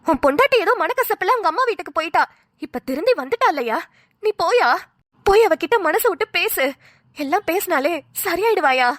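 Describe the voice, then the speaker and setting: A woman's voice: extremely high pitch, big pitch swings, a little fast, a bit bright, heavily acted. A woman voicing a worried, coaxing middle-aged mother-in-law in a cartoon, speaking colloquial Tamil Nadu Tamil. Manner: coaxing, motherly, calls son affectionately.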